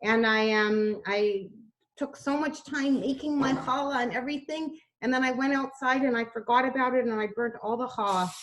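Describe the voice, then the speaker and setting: A woman's voice: on the high side, fairly even intonation, moderate pace, a bit bright, slight background noise. A woman teaching a casual cooking demonstration over a video call. She talks in a chatty, homey way and often restarts her sentences. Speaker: cooking class instructor.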